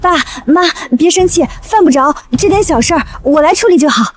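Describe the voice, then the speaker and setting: A woman's voice: extremely high pitch, animated, a little fast. A young woman playing a cold, ungrateful bride in a short drama. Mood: soothing. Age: young adult. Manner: contemptuous, impatient.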